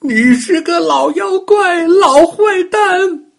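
An older man voicing a hot-tempered bullying little boy who shouts shrilly in a children's story. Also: very high-pitched, animated, takes it slowly, gravelly, pitched above the performer's own voice, full character voice. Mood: crying shouting.

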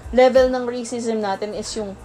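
A woman's voice: on the high side, fairly even intonation, normal speed, warm tone, faint music behind. A woman from the Philippines in casual chat as co-host, thoughtful and hesitant, with many fillers.

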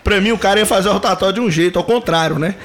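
A man's voice: high-pitched, racing. A man with a Belo Horizonte accent, a podcast guest telling a story with lots of laughing and acted-out dialogue. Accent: Belo Horizonte, Minas Gerais. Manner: animated, laughing storyteller who acts out dialogue. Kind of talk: casual podcast chat.

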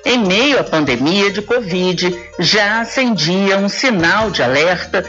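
A woman's voice: medium pitch, expressive, a little slow, fairly bright tone, dull audio, faint music behind. A woman with a Brazilian accent reading a scripted news report as a reporter.

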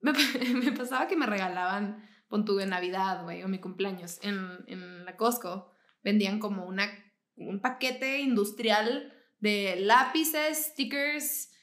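A woman's voice: medium pitch, unhurried. A young Mexican woman co-hosting a podcast, telling childhood stories in casual chat, full of slang and swearing, with bits of English mixed in. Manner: slangy, swears a lot, mixes in English, animated storytelling. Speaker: podcast co-host. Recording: echoey room.

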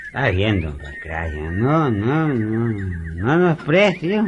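A man's voice: on the low side, very animated, slow pace, muffled recording, slight background noise. A man playing a hungover young drunk in a radio comedy sketch, whining and pleading. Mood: grumbling.

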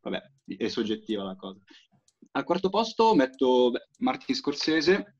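A man's voice: medium pitch, big pitch swings, moderate pace, husky. A young man chatting casually about films, enthusiastic and opinionated, with frequent hesitant fillers. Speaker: podcast co-host. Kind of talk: casual film chat. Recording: dull lo-fi audio.

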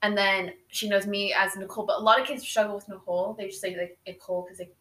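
A woman's voice: mid-range voice, little pitch movement, fast, bright, forceful tone. A young adult woman hosting a podcast, telling a story in a casual, chatty way with lots of fillers. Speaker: podcast host. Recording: roomy echo.

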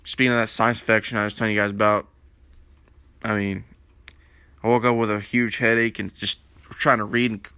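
Congested man talking hoops, bright dry voice. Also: on the low side, level tone, a little fast, pauses often, clear, resonant tone, no room sound. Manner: rambling, filler-heavy, opinionated. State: congested morning voice from a sinus infection. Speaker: basketball news panel host. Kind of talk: casual sports commentary.

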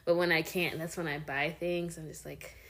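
A woman's voice: sits low, flat delivery, normal speed, a bit bright. A young woman co-hosting a podcast, chatting playfully with slangy banter. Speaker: podcast co-host. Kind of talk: casual chat.

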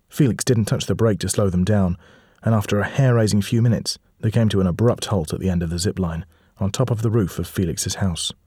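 A man narrating a children's storybook aloud, reading steadily and lively. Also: sits low, husky, dry recording, clean studio sound.

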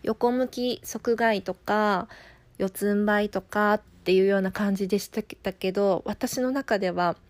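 A woman's voice: medium pitch, measured pace, dry recording. A woman with a Kansai accent, a midwife casually telling her own birth story and acting out her inner thoughts. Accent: Kansai Japanese.

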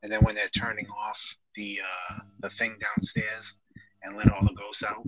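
A man's voice: on the low side, flat delivery, moderate pace, vocal fry, muffled recording, crowd noise. A man co-hosting a podcast, speaking hesitantly about a favorite movie scene. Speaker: podcast co-host. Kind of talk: casual chat.

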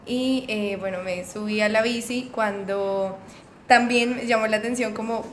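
A woman guest on a casual podcast, telling her side of a story in a relaxed, chatty way. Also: fairly high pitch, measured pace. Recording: echoey room, faint background noise.

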